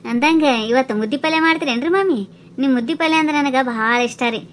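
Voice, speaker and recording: A woman voicing a sly young neighbour woman in a comic cartoon, speaking with a North Karnataka Kannada accent and sweet-talking flattery. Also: high voice, quick pace, a little hiss or hum, lightly acted. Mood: wheedling.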